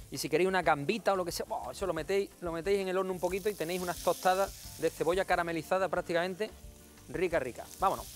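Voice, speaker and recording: A man demonstrating a recipe on a TV cooking show, chatty and playful, joking with viewers. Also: high-pitched. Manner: playful and jokey, addressing viewers as family. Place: TV studio kitchen.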